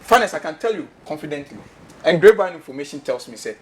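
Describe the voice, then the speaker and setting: Speaking fast in a slightly high, animated voice, a Ghanaian talk show host works in a studio, using English with a Ghanaian accent. He is passionate and emphatic, repeats his questions, and drops into Twi.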